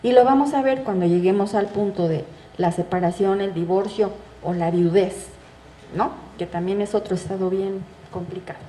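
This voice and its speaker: A woman's voice: medium pitch, moderate pace, mellow, reverberant, slight background noise, poor audio. A middle-aged woman, a psychoanalyst giving a public talk in a conversational way, often checking in with the audience through rhetorical questions. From Mexico. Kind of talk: public lecture. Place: bookstore event space.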